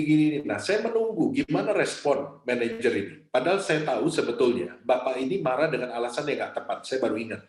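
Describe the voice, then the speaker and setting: A male pastor preaching a sermon over a video call, telling a story lively and often asking the congregation questions. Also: mid-range voice, roomy sound. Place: home, via video call.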